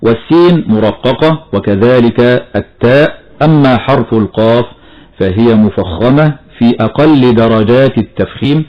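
A man teaching the rules of Quran recitation, explaining steadily and chanting slow example verses. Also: medium pitch, dull audio. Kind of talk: tajweed lesson with recited examples.

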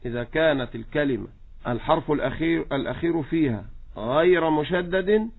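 A man's voice: fairly high pitch, animated, gravelly, breathy edge. Egyptian man teaching Quran recitation, tinny line. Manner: slow demonstrative recitation of examples. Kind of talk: explanatory radio lesson on recitation. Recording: tinny phone-like radio line.

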